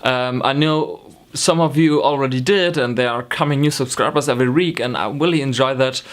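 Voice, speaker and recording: A young man from Germany talks fairly quickly in a mid-range voice with a German accent. He's a knitting vlogger chatting casually to a camera close in front, in a small home room, rambling with frequent ums and self-corrections.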